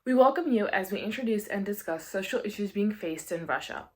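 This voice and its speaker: A mid-pitched female voice with a husky edge reads as a news anchor. She gives scripted introductions in a presenter's register. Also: animated, brisk.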